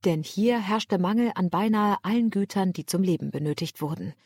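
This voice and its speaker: A woman reading a historical novel aloud as narrator, in an even, measured way. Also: medium pitch, breathy edge, no room sound, clean studio sound. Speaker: audiobook narrator. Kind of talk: scripted narration.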